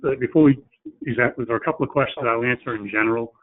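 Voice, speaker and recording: A man's voice: mid-range voice, racing. A man presenting in a webinar, talking in a plain, practical way and often restarting his phrases. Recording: phone-like webinar audio.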